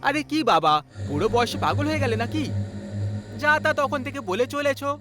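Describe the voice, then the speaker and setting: A man's voice: extremely high pitch, big pitch swings, normal speed, over music, voice pushed up. A man voicing an impatient, skeptical grown son who scolds in an exasperated tone.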